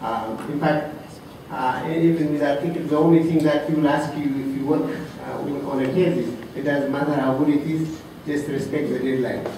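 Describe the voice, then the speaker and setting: Man from Africa, halting tribute speech, far off in a very echoey room with clear noise. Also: fairly high pitch, steady tone. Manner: soft-spoken, halting, many fillers. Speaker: colleague giving a tribute. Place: reception room. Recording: roomy, distant, noisy room recording.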